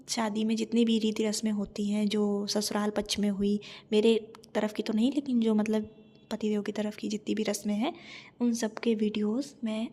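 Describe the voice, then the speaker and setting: A woman vlogging casually at home, telling her day in a chatty, lively way. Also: medium pitch. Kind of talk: casual home vlog narration.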